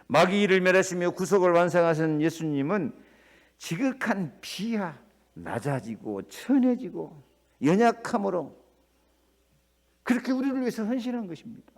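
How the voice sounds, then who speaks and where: A middle-aged man preaches a sermon, his slightly high voice ranging widely as he moves between forceful declamation and hushed remarks. He keeps asking the congregation questions. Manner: swings between loud declamation and quiet asides. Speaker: pastor.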